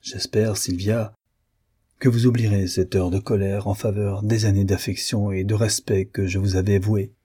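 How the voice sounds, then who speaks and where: A man's voice: fairly low pitch, level tone, normal speed, mellow, slightly rough. A male reader voicing a proud, remorseful husband who speaks in a firm, cold, sorrowful tone in an audiobook. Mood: grave remorse. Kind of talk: audiobook reading.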